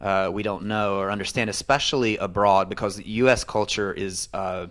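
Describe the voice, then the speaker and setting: A man's voice: lowish voice, fairly even intonation, normal speed, fairly bright tone. A man co-hosting a podcast, asking probing questions and reflecting in casual chat. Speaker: podcast co-host.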